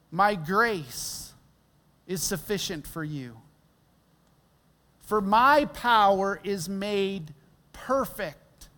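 Man, pastor, sermon, slow delivery, acts out prayers, long hall reverb. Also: high voice. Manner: animated preaching, acting out prayers. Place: church sanctuary.

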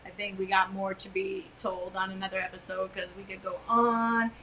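Middle-aged woman, podcast co-host, loud and emphatic, bright forceful tone, faint room hiss. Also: mid-range voice, flat delivery, moderate pace, rough recording. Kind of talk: casual chat. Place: living room couch.

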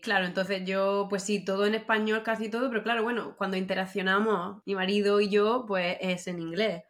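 A woman from co-hosting a podcast, speaking in a measured, slightly hesitant way. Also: mid-range voice, fairly even intonation. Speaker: podcast co-host. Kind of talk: casual conversation.

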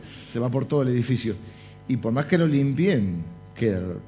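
A middle-aged Rioplatense Spanish speaker, medium-pitched and at a moderate pace, preaches in a church by telling comic anecdotes with plenty of jokes and asides. The recording has a dull lo-fi quality and faint background music.

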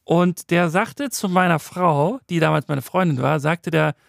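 A man's voice: a little high, a little slow, creaky, no echo, studio quality. A man around forty co-hosting a casual podcast chat, joking and acting out the people in his stories. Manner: joking, acts out quoted people. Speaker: podcast co-host.

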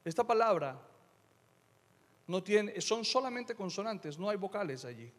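A middle-aged man preaching a sermon as pastor, emphatic, moving between quiet asides and loud declarations. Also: high-pitched, expressive, unhurried, in a large hall.

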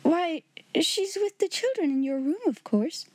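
A woman's voice: fairly high pitch, very animated, moderate pace, dark tone, dry recording. A woman voicing a timid, easily bewildered, tearful sister in a storybook, stammering and whimpering. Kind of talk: storybook character voice.

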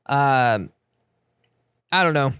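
A man co-hosting a casual movie podcast, measured and a bit skeptical, often giving short agreements. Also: mid-range voice, animated, fairly bright tone, clear, resonant tone, dry recording. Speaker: podcast co-host.

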